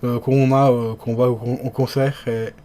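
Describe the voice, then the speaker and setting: Here a man unboxes a product for viewers he treats as friends, speaking at normal speed in a dark, medium-pitched voice with little pitch movement. He's chatty but hesitant, using many fillers and restarts, and his distance from the mic keeps shifting.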